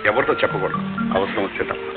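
A man's voice: on the low side, very fast, narrow, tinny audio, music in the background, close to an everyday voice. An actor playing a teasing married man, playful and confiding, in an old film soundtrack.

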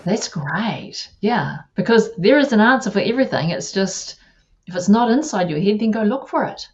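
A woman hosting an interview over a video call, chatty and affirming with many quick agreements. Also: medium pitch, lively intonation, dull audio. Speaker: interview host. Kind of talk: casual interview chat.

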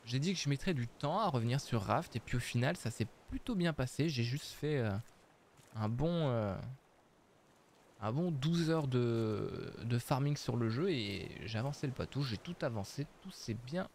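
A man's voice: mid-range voice, expressive, moderate pace, a little mellow, slight background noise. A man casually commenting on his survival game as he plays, thinking aloud with many hesitations. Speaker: streamer playing a survival game.

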